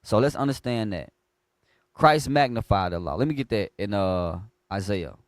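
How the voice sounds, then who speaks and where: A man teaching a Bible class in a preaching style, prompting a reader with call and response and swinging from quiet low asides to loud emphatic bursts. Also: animated, normal speed, dry recording.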